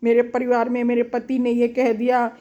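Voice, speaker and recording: A woman's voice: a little high, monotone, normal speed, dark tone. A middle-aged woman telling a personal memory in a homely, reflective, chatty way. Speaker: storyteller. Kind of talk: personal storytelling. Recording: dull lo-fi recording.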